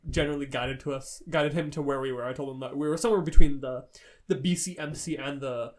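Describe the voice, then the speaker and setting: A man's voice: mid-range voice, fast talker. A man co-hosting a podcast, retelling a story in casual chat with lots of swearing. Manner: heavy swearing, animated retelling. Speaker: podcast co-host.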